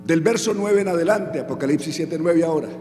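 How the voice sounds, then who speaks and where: A man's voice: on the high side, normal speed, warm tone. Man preaching a sermon in an echoey hall. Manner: asks the audience questions and answers them himself. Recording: echoey hall with music underneath.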